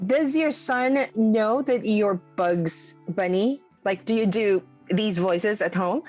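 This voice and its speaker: A woman's voice: mid-range voice, slow, a little mellow, low-quality recording. Woman interviewer, short friendly questions, mid voice, faint music behind.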